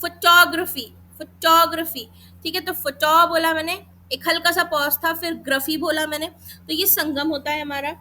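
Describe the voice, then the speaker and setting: A woman teacher with a high, bright voice takes students through Hindi grammar for an exam. She calls them beta, slips English terms into her explanations and sounds out each letter slowly. A faint hum runs under the recording. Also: steady tone. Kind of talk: exam-prep lesson.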